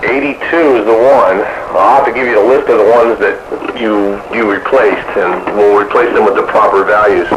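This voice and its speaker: Over a two-way radio link, a radio operator chats casually about technical matters, rambling along in a folksy way. His lowish voice has fairly even intonation at normal speed with few pauses, and a crowd can be heard behind him. The transmission is dull and noisy, with a boxy echo.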